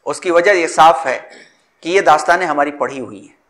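Higher-voiced man lecturing formally. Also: a bit bright. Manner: measured, formal Urdu-heavy phrasing with frequent restarts. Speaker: history lecturer.

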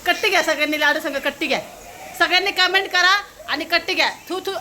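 A young woman from Maharashtra, a mother talking in a casual family vlog, animated, often repeating words in quick calls. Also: very high voice, slight background noise. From Maharashtra, India. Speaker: vlogger and mother.

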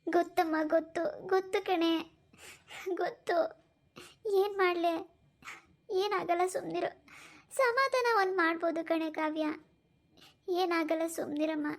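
A woman voicing a middle-aged mother who soothes her daughter in a cartoon, guilt-ridden and gentle. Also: very high voice, a little slow, pauses often. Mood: consoling. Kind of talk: cartoon voice acting.

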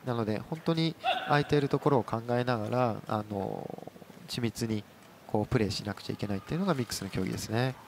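Fast-talking male badminton analyst. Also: medium pitch, creaky. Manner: quick, explanatory, many filler words. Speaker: expert analyst. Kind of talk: color commentary. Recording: broadcast over loud arena crowd and noise.

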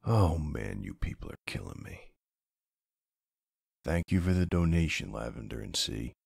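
A man's voice: a bass voice, very animated, measured pace, vocal fry, a little mellow, breathy edge, no room sound, clean studio sound, heavily acted. A man playing a young streamer boyfriend in a role-play, chatting casually in a playful, teasing, easily flustered and affectionate way. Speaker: roleplay voice actor.

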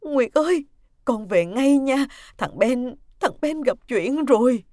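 A woman's voice: high voice, expressive, slow pace, warm tone, no echo, studio quality, voice pushed up. A woman voicing an irritable, easily panicked elderly grandmother who cries out shrilly. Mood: frantic. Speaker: mother-in-law character.

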